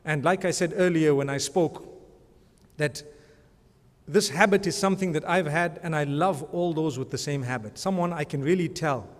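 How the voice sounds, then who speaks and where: A man on the higher side of the pitch range talks at normal speed as he presents an award during a ceremony. His remarks ramble in a conversational way and often include religious blessings, and the large conference hall adds long reverb.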